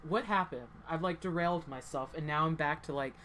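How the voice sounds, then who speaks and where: A woman's voice: low-pitched, brisk, a bit bright, slight background noise. Rambling woman chatting over gameplay. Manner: rambling, fillers of "like", heated but cheerful. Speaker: gameplay commentator. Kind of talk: casual gameplay chat.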